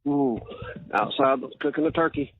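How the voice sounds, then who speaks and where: A man talking over a jail payphone call line, halting and reassuring as he speaks with a jailed relative. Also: fairly high pitch, sing-song, gravelly. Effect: heard over a jail payphone call line. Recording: tinny phone line with faint hiss.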